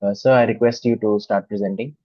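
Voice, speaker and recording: A man moderating a conference session online, speaking in a polite, formal way with hesitant pauses. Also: fairly low pitch, fairly even intonation, dry recording. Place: online video conference call. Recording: dull, dry online meeting audio.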